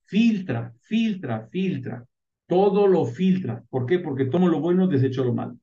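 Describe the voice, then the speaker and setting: A man's voice: on the high side, fairly quick, dark tone. A man preaching a sermon as pastor. He poses rhetorical questions and answers them, and repeats words for emphasis. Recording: distant mic, dull lo-fi sound.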